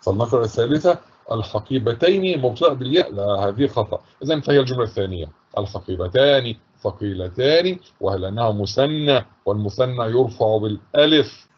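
A man teaching a grammar lesson to schoolchildren with an Egyptian accent, patiently reading example sentences slowly and repeating them. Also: mid-range voice. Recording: husky voice, dull lo-fi recording.

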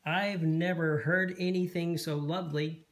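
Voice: medium pitch, steady tone, measured pace, reverberant, recorded from a distance, lightly acted. A reader doing an eager little songbird. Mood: curious. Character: eager young male songbird chick. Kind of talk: storybook read-aloud.

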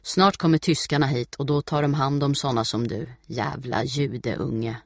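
A man's voice: medium pitch, fairly even intonation, a little mellow, no room sound, close to an everyday voice. A man reading aloud, voicing a sneering freckled boy who spits contemptuous insults. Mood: hateful.

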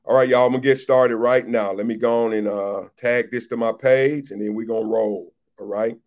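A male pastor chatting loosely on a livestream before his message, calling out viewers by name and reading their comments. He talks in a relaxed, easygoing way and circles back to repeat his lines, with a mid-range voice. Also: mid-range voice, moderate pace.

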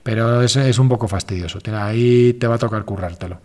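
A man's voice: on the low side, fairly quick, a little mellow. A man hosting a casual live stream, answering viewer questions in a rambling, self-correcting, informal way.

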